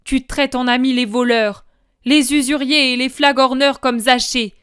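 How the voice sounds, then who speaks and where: Femme jouant un homme traître furieux et accusateur, voix haute et forte, lecture dramatique. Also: female voice, high voice, steady tone, measured pace, clean tone, no echo, studio quality, pitched above the performer's own voice. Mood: furious. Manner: shouting bitter accusations. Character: furious man, a scheming traitor disciple.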